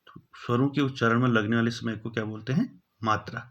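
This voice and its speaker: Speaking fairly quickly, this middle-pitched male teacher works through exam grammar by reading a question, asking it once more, and supplying the answer. "Thik hai," a steady "okay," fills the gaps between points, and the recording sounds a little muffled and lo-fi.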